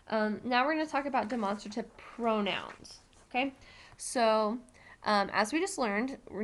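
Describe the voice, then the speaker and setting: A woman's voice: on the high side, a bit bright. American woman, teacher, recorded lesson, patient step-by-step explaining, filler ums. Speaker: Spanish teacher.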